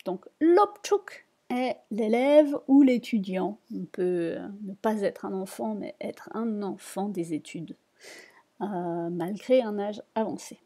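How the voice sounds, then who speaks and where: A woman's voice: medium pitch, lively intonation, slow pace, mellow. A woman teaching a reading lesson, patiently repeating each word and explaining it. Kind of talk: slow spoken lesson.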